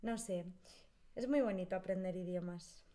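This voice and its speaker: A woman with an accent from Spain, chatting casually about learning languages, lively and emphatic, often asking rhetorical questions. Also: lowish voice, normal speed. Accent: Spain Spanish. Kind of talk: casual conversation.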